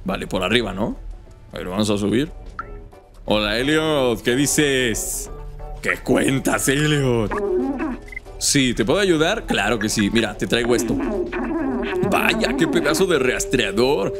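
A man's voice: mid-range voice, expressive, measured pace, pauses often, fairly bright tone, soft background music. A young man giving casual, joking gameplay commentary full of slang. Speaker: gaming youtuber.

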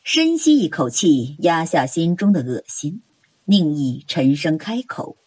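A woman narrates a novel with dramatic, expressive storytelling. Her voice is husky and slightly low, with lively pitch swings. The recording is dry and close. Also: measured pace, no room sound. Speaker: audiobook narrator.

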